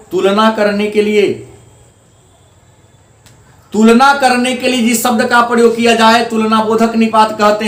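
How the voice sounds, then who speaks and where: A man with a high voice teaches a grammar lesson, going back over each definition and stretching his examples out slowly. He sounds a little far from the mic, in a room with a noticeable echo. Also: fairly bright tone. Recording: echoey room, voice from a distance.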